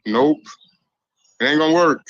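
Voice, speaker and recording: A man from Israel, a guest on a live dating interview, giving short, flat answers. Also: on the high side, normal speed, no echo, muffled recording.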